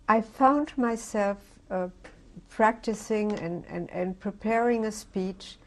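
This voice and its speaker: An older woman from Germany giving a reflective, halting oral history testimony, often restarting her sentences. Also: medium pitch, a little hiss or hum. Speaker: interviewee. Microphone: interview recording.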